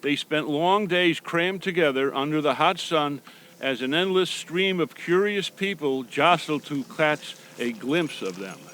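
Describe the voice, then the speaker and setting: Guy being santa, kindly old man doing storytime for little kids, slightly high voice, bit of background noise. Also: a little slow, fairly bright tone. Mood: storytelling. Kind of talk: read-aloud storytelling for young children.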